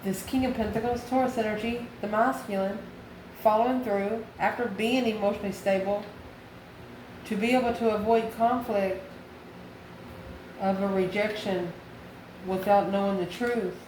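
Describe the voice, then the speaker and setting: A mid-range, darkish voice with fairly even intonation, moderate pace and frequent pauses belongs to a tarot-reading channel host speaking directly to viewers. She is folksy and familiar, calls them honey and baby, and repeats phrases for emphasis, recorded in an echoey room with clear background noise.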